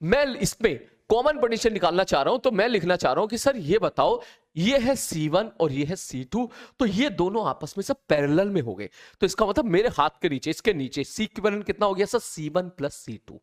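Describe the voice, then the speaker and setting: Guy teaching physics, high voice that jumps around a lot, chats right at the students. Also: animated, fairly quick. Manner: talks to students directly, mimics their replies. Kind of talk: explaining capacitor problems on a board.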